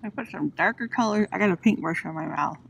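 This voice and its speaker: A middle-aged watercolor artist paints from a kayak on a lake, chatting casually into a phone she holds in her hand. She talks fast in a fairly low, gravelly, slightly rough voice, thinking out loud and teasing herself, sounding hot and a bit out of breath.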